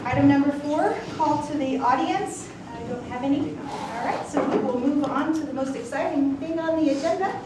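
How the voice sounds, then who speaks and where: A woman presiding as school board president, running a public meeting in a brisk, formal way, heard on a distant courtroom-style recording from a large hall. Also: sits high. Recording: far-off echoey hall mic with crowd noise.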